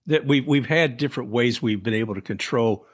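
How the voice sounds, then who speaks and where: Male interview host, mid pitch, affirming, laughs along with his guest. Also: fairly quick. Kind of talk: casual interview chat.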